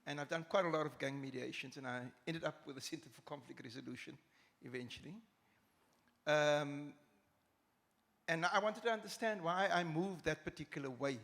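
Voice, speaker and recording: A man, speaking as a panel guest at a festival, reflective and halting. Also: fairly high pitch, fairly bright tone. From Cape Town, South Africa. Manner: reflective, halting, with many restarts. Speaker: panel guest, criminology academic. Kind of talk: live panel discussion. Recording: hall with long reverb.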